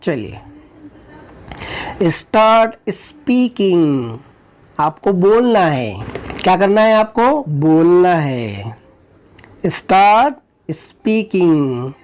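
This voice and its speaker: Lady teacher doing action rhymes for little kids, slow sing-song chanting, pitch jumping all over. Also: very animated. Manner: chants English action commands slowly, then explains in Hindi; acts out loud and soft, high and hushed. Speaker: primary school English teacher. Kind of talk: online action-rhyme lesson for young children.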